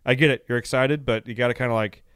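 Podcast host, male, smooth resonant voice, dry close sound, animated ranting delivery. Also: mid-range voice, fast, no room sound. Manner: animated, ranting, laughing, acts out quoted exchanges. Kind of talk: casual podcast chat.

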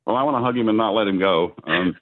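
A middle-aged man, a father giving a news interview by phone, speaking haltingly with many restarts and fillers. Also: on the low side, dry recording. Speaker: father of a freed prisoner, guest. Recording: dry tinny phone line.

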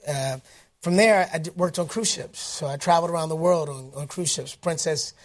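A man's voice: a little high, a little fast. Upbeat man from Detroit telling stories. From Detroit, United States. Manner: animated, upbeat, with many fillers and restarts. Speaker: interview guest, actor. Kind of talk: casual interview storytelling.

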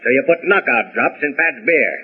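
A man playing a tough, sardonic middle-aged 1930s beat cop in a radio crime drama, gruff and slangy with bullying wisecracks. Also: medium pitch, animated, moderate pace. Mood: mocking, accusing. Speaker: police captain. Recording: muffled, tinny old radio recording.

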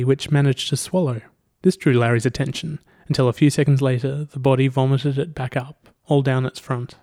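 Male narrator for a read-aloud story; steady, dry close recording. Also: mid-range voice, dry recording. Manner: steady storytelling with quoted dialogue. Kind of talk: scripted narration.

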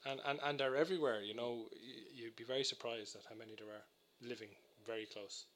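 A man's voice: medium pitch, fairly even intonation, a little fast, fairly bright tone. A man hosting a casual studio chat, talkative and often repeating words as he starts. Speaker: host.

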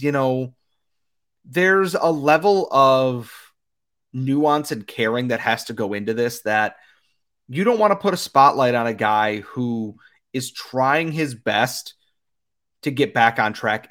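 A man with a slightly hoarse, talked-out voice hosting a sports podcast and giving commentary. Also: mid-range voice, fairly bright tone. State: slightly hoarse from a lot of talking.

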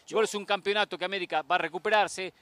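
Man, football panelist, rapid talker, slightly high voice, chatty analysis. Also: fairly even intonation, bright, forceful tone, no room sound. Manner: quick, talkative analysis. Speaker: sports commentator panelist. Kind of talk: sports talk show discussion.

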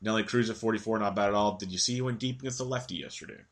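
Congested male host, low-ish voice, quick casual delivery of stats with a ranting streak. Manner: quick stat-heavy delivery, ranting at times. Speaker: fantasy baseball analyst. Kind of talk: casual daily picks rundown.

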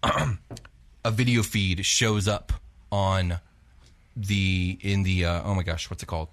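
Low-voiced man narrating a tabletop game. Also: steady tone, takes it slowly, fairly bright tone. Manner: informal, descriptive storytelling. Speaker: game master, show host.

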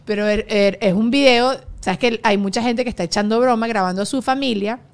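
A Venezuelan woman hosting a casual podcast chat, lively and quick to laugh, filling with "o sea". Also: a little high, clear, resonant tone. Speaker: podcast host.

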